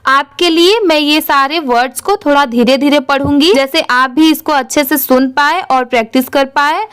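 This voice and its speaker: A woman's voice: high-pitched, moderate pace, fairly bright tone, no room sound. A woman teaching English reading in Hindi, with an Indian accent. She spells each word letter by letter and then answers her own questions. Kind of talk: slow spelling-out lesson.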